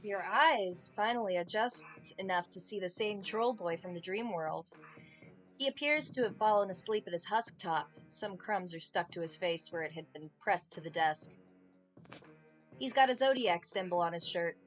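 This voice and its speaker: A woman's voice: mid-range voice, moderate pace, soft background music. A woman reading a game's second-person narration aloud, adding playful, dry comments. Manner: playful, dry asides between narrated lines. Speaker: game streamer.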